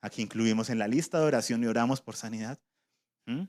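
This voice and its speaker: A man's voice: medium pitch, fast, a little mellow. A man preaching a sermon in a conversational way, voicing imagined objections from his listeners.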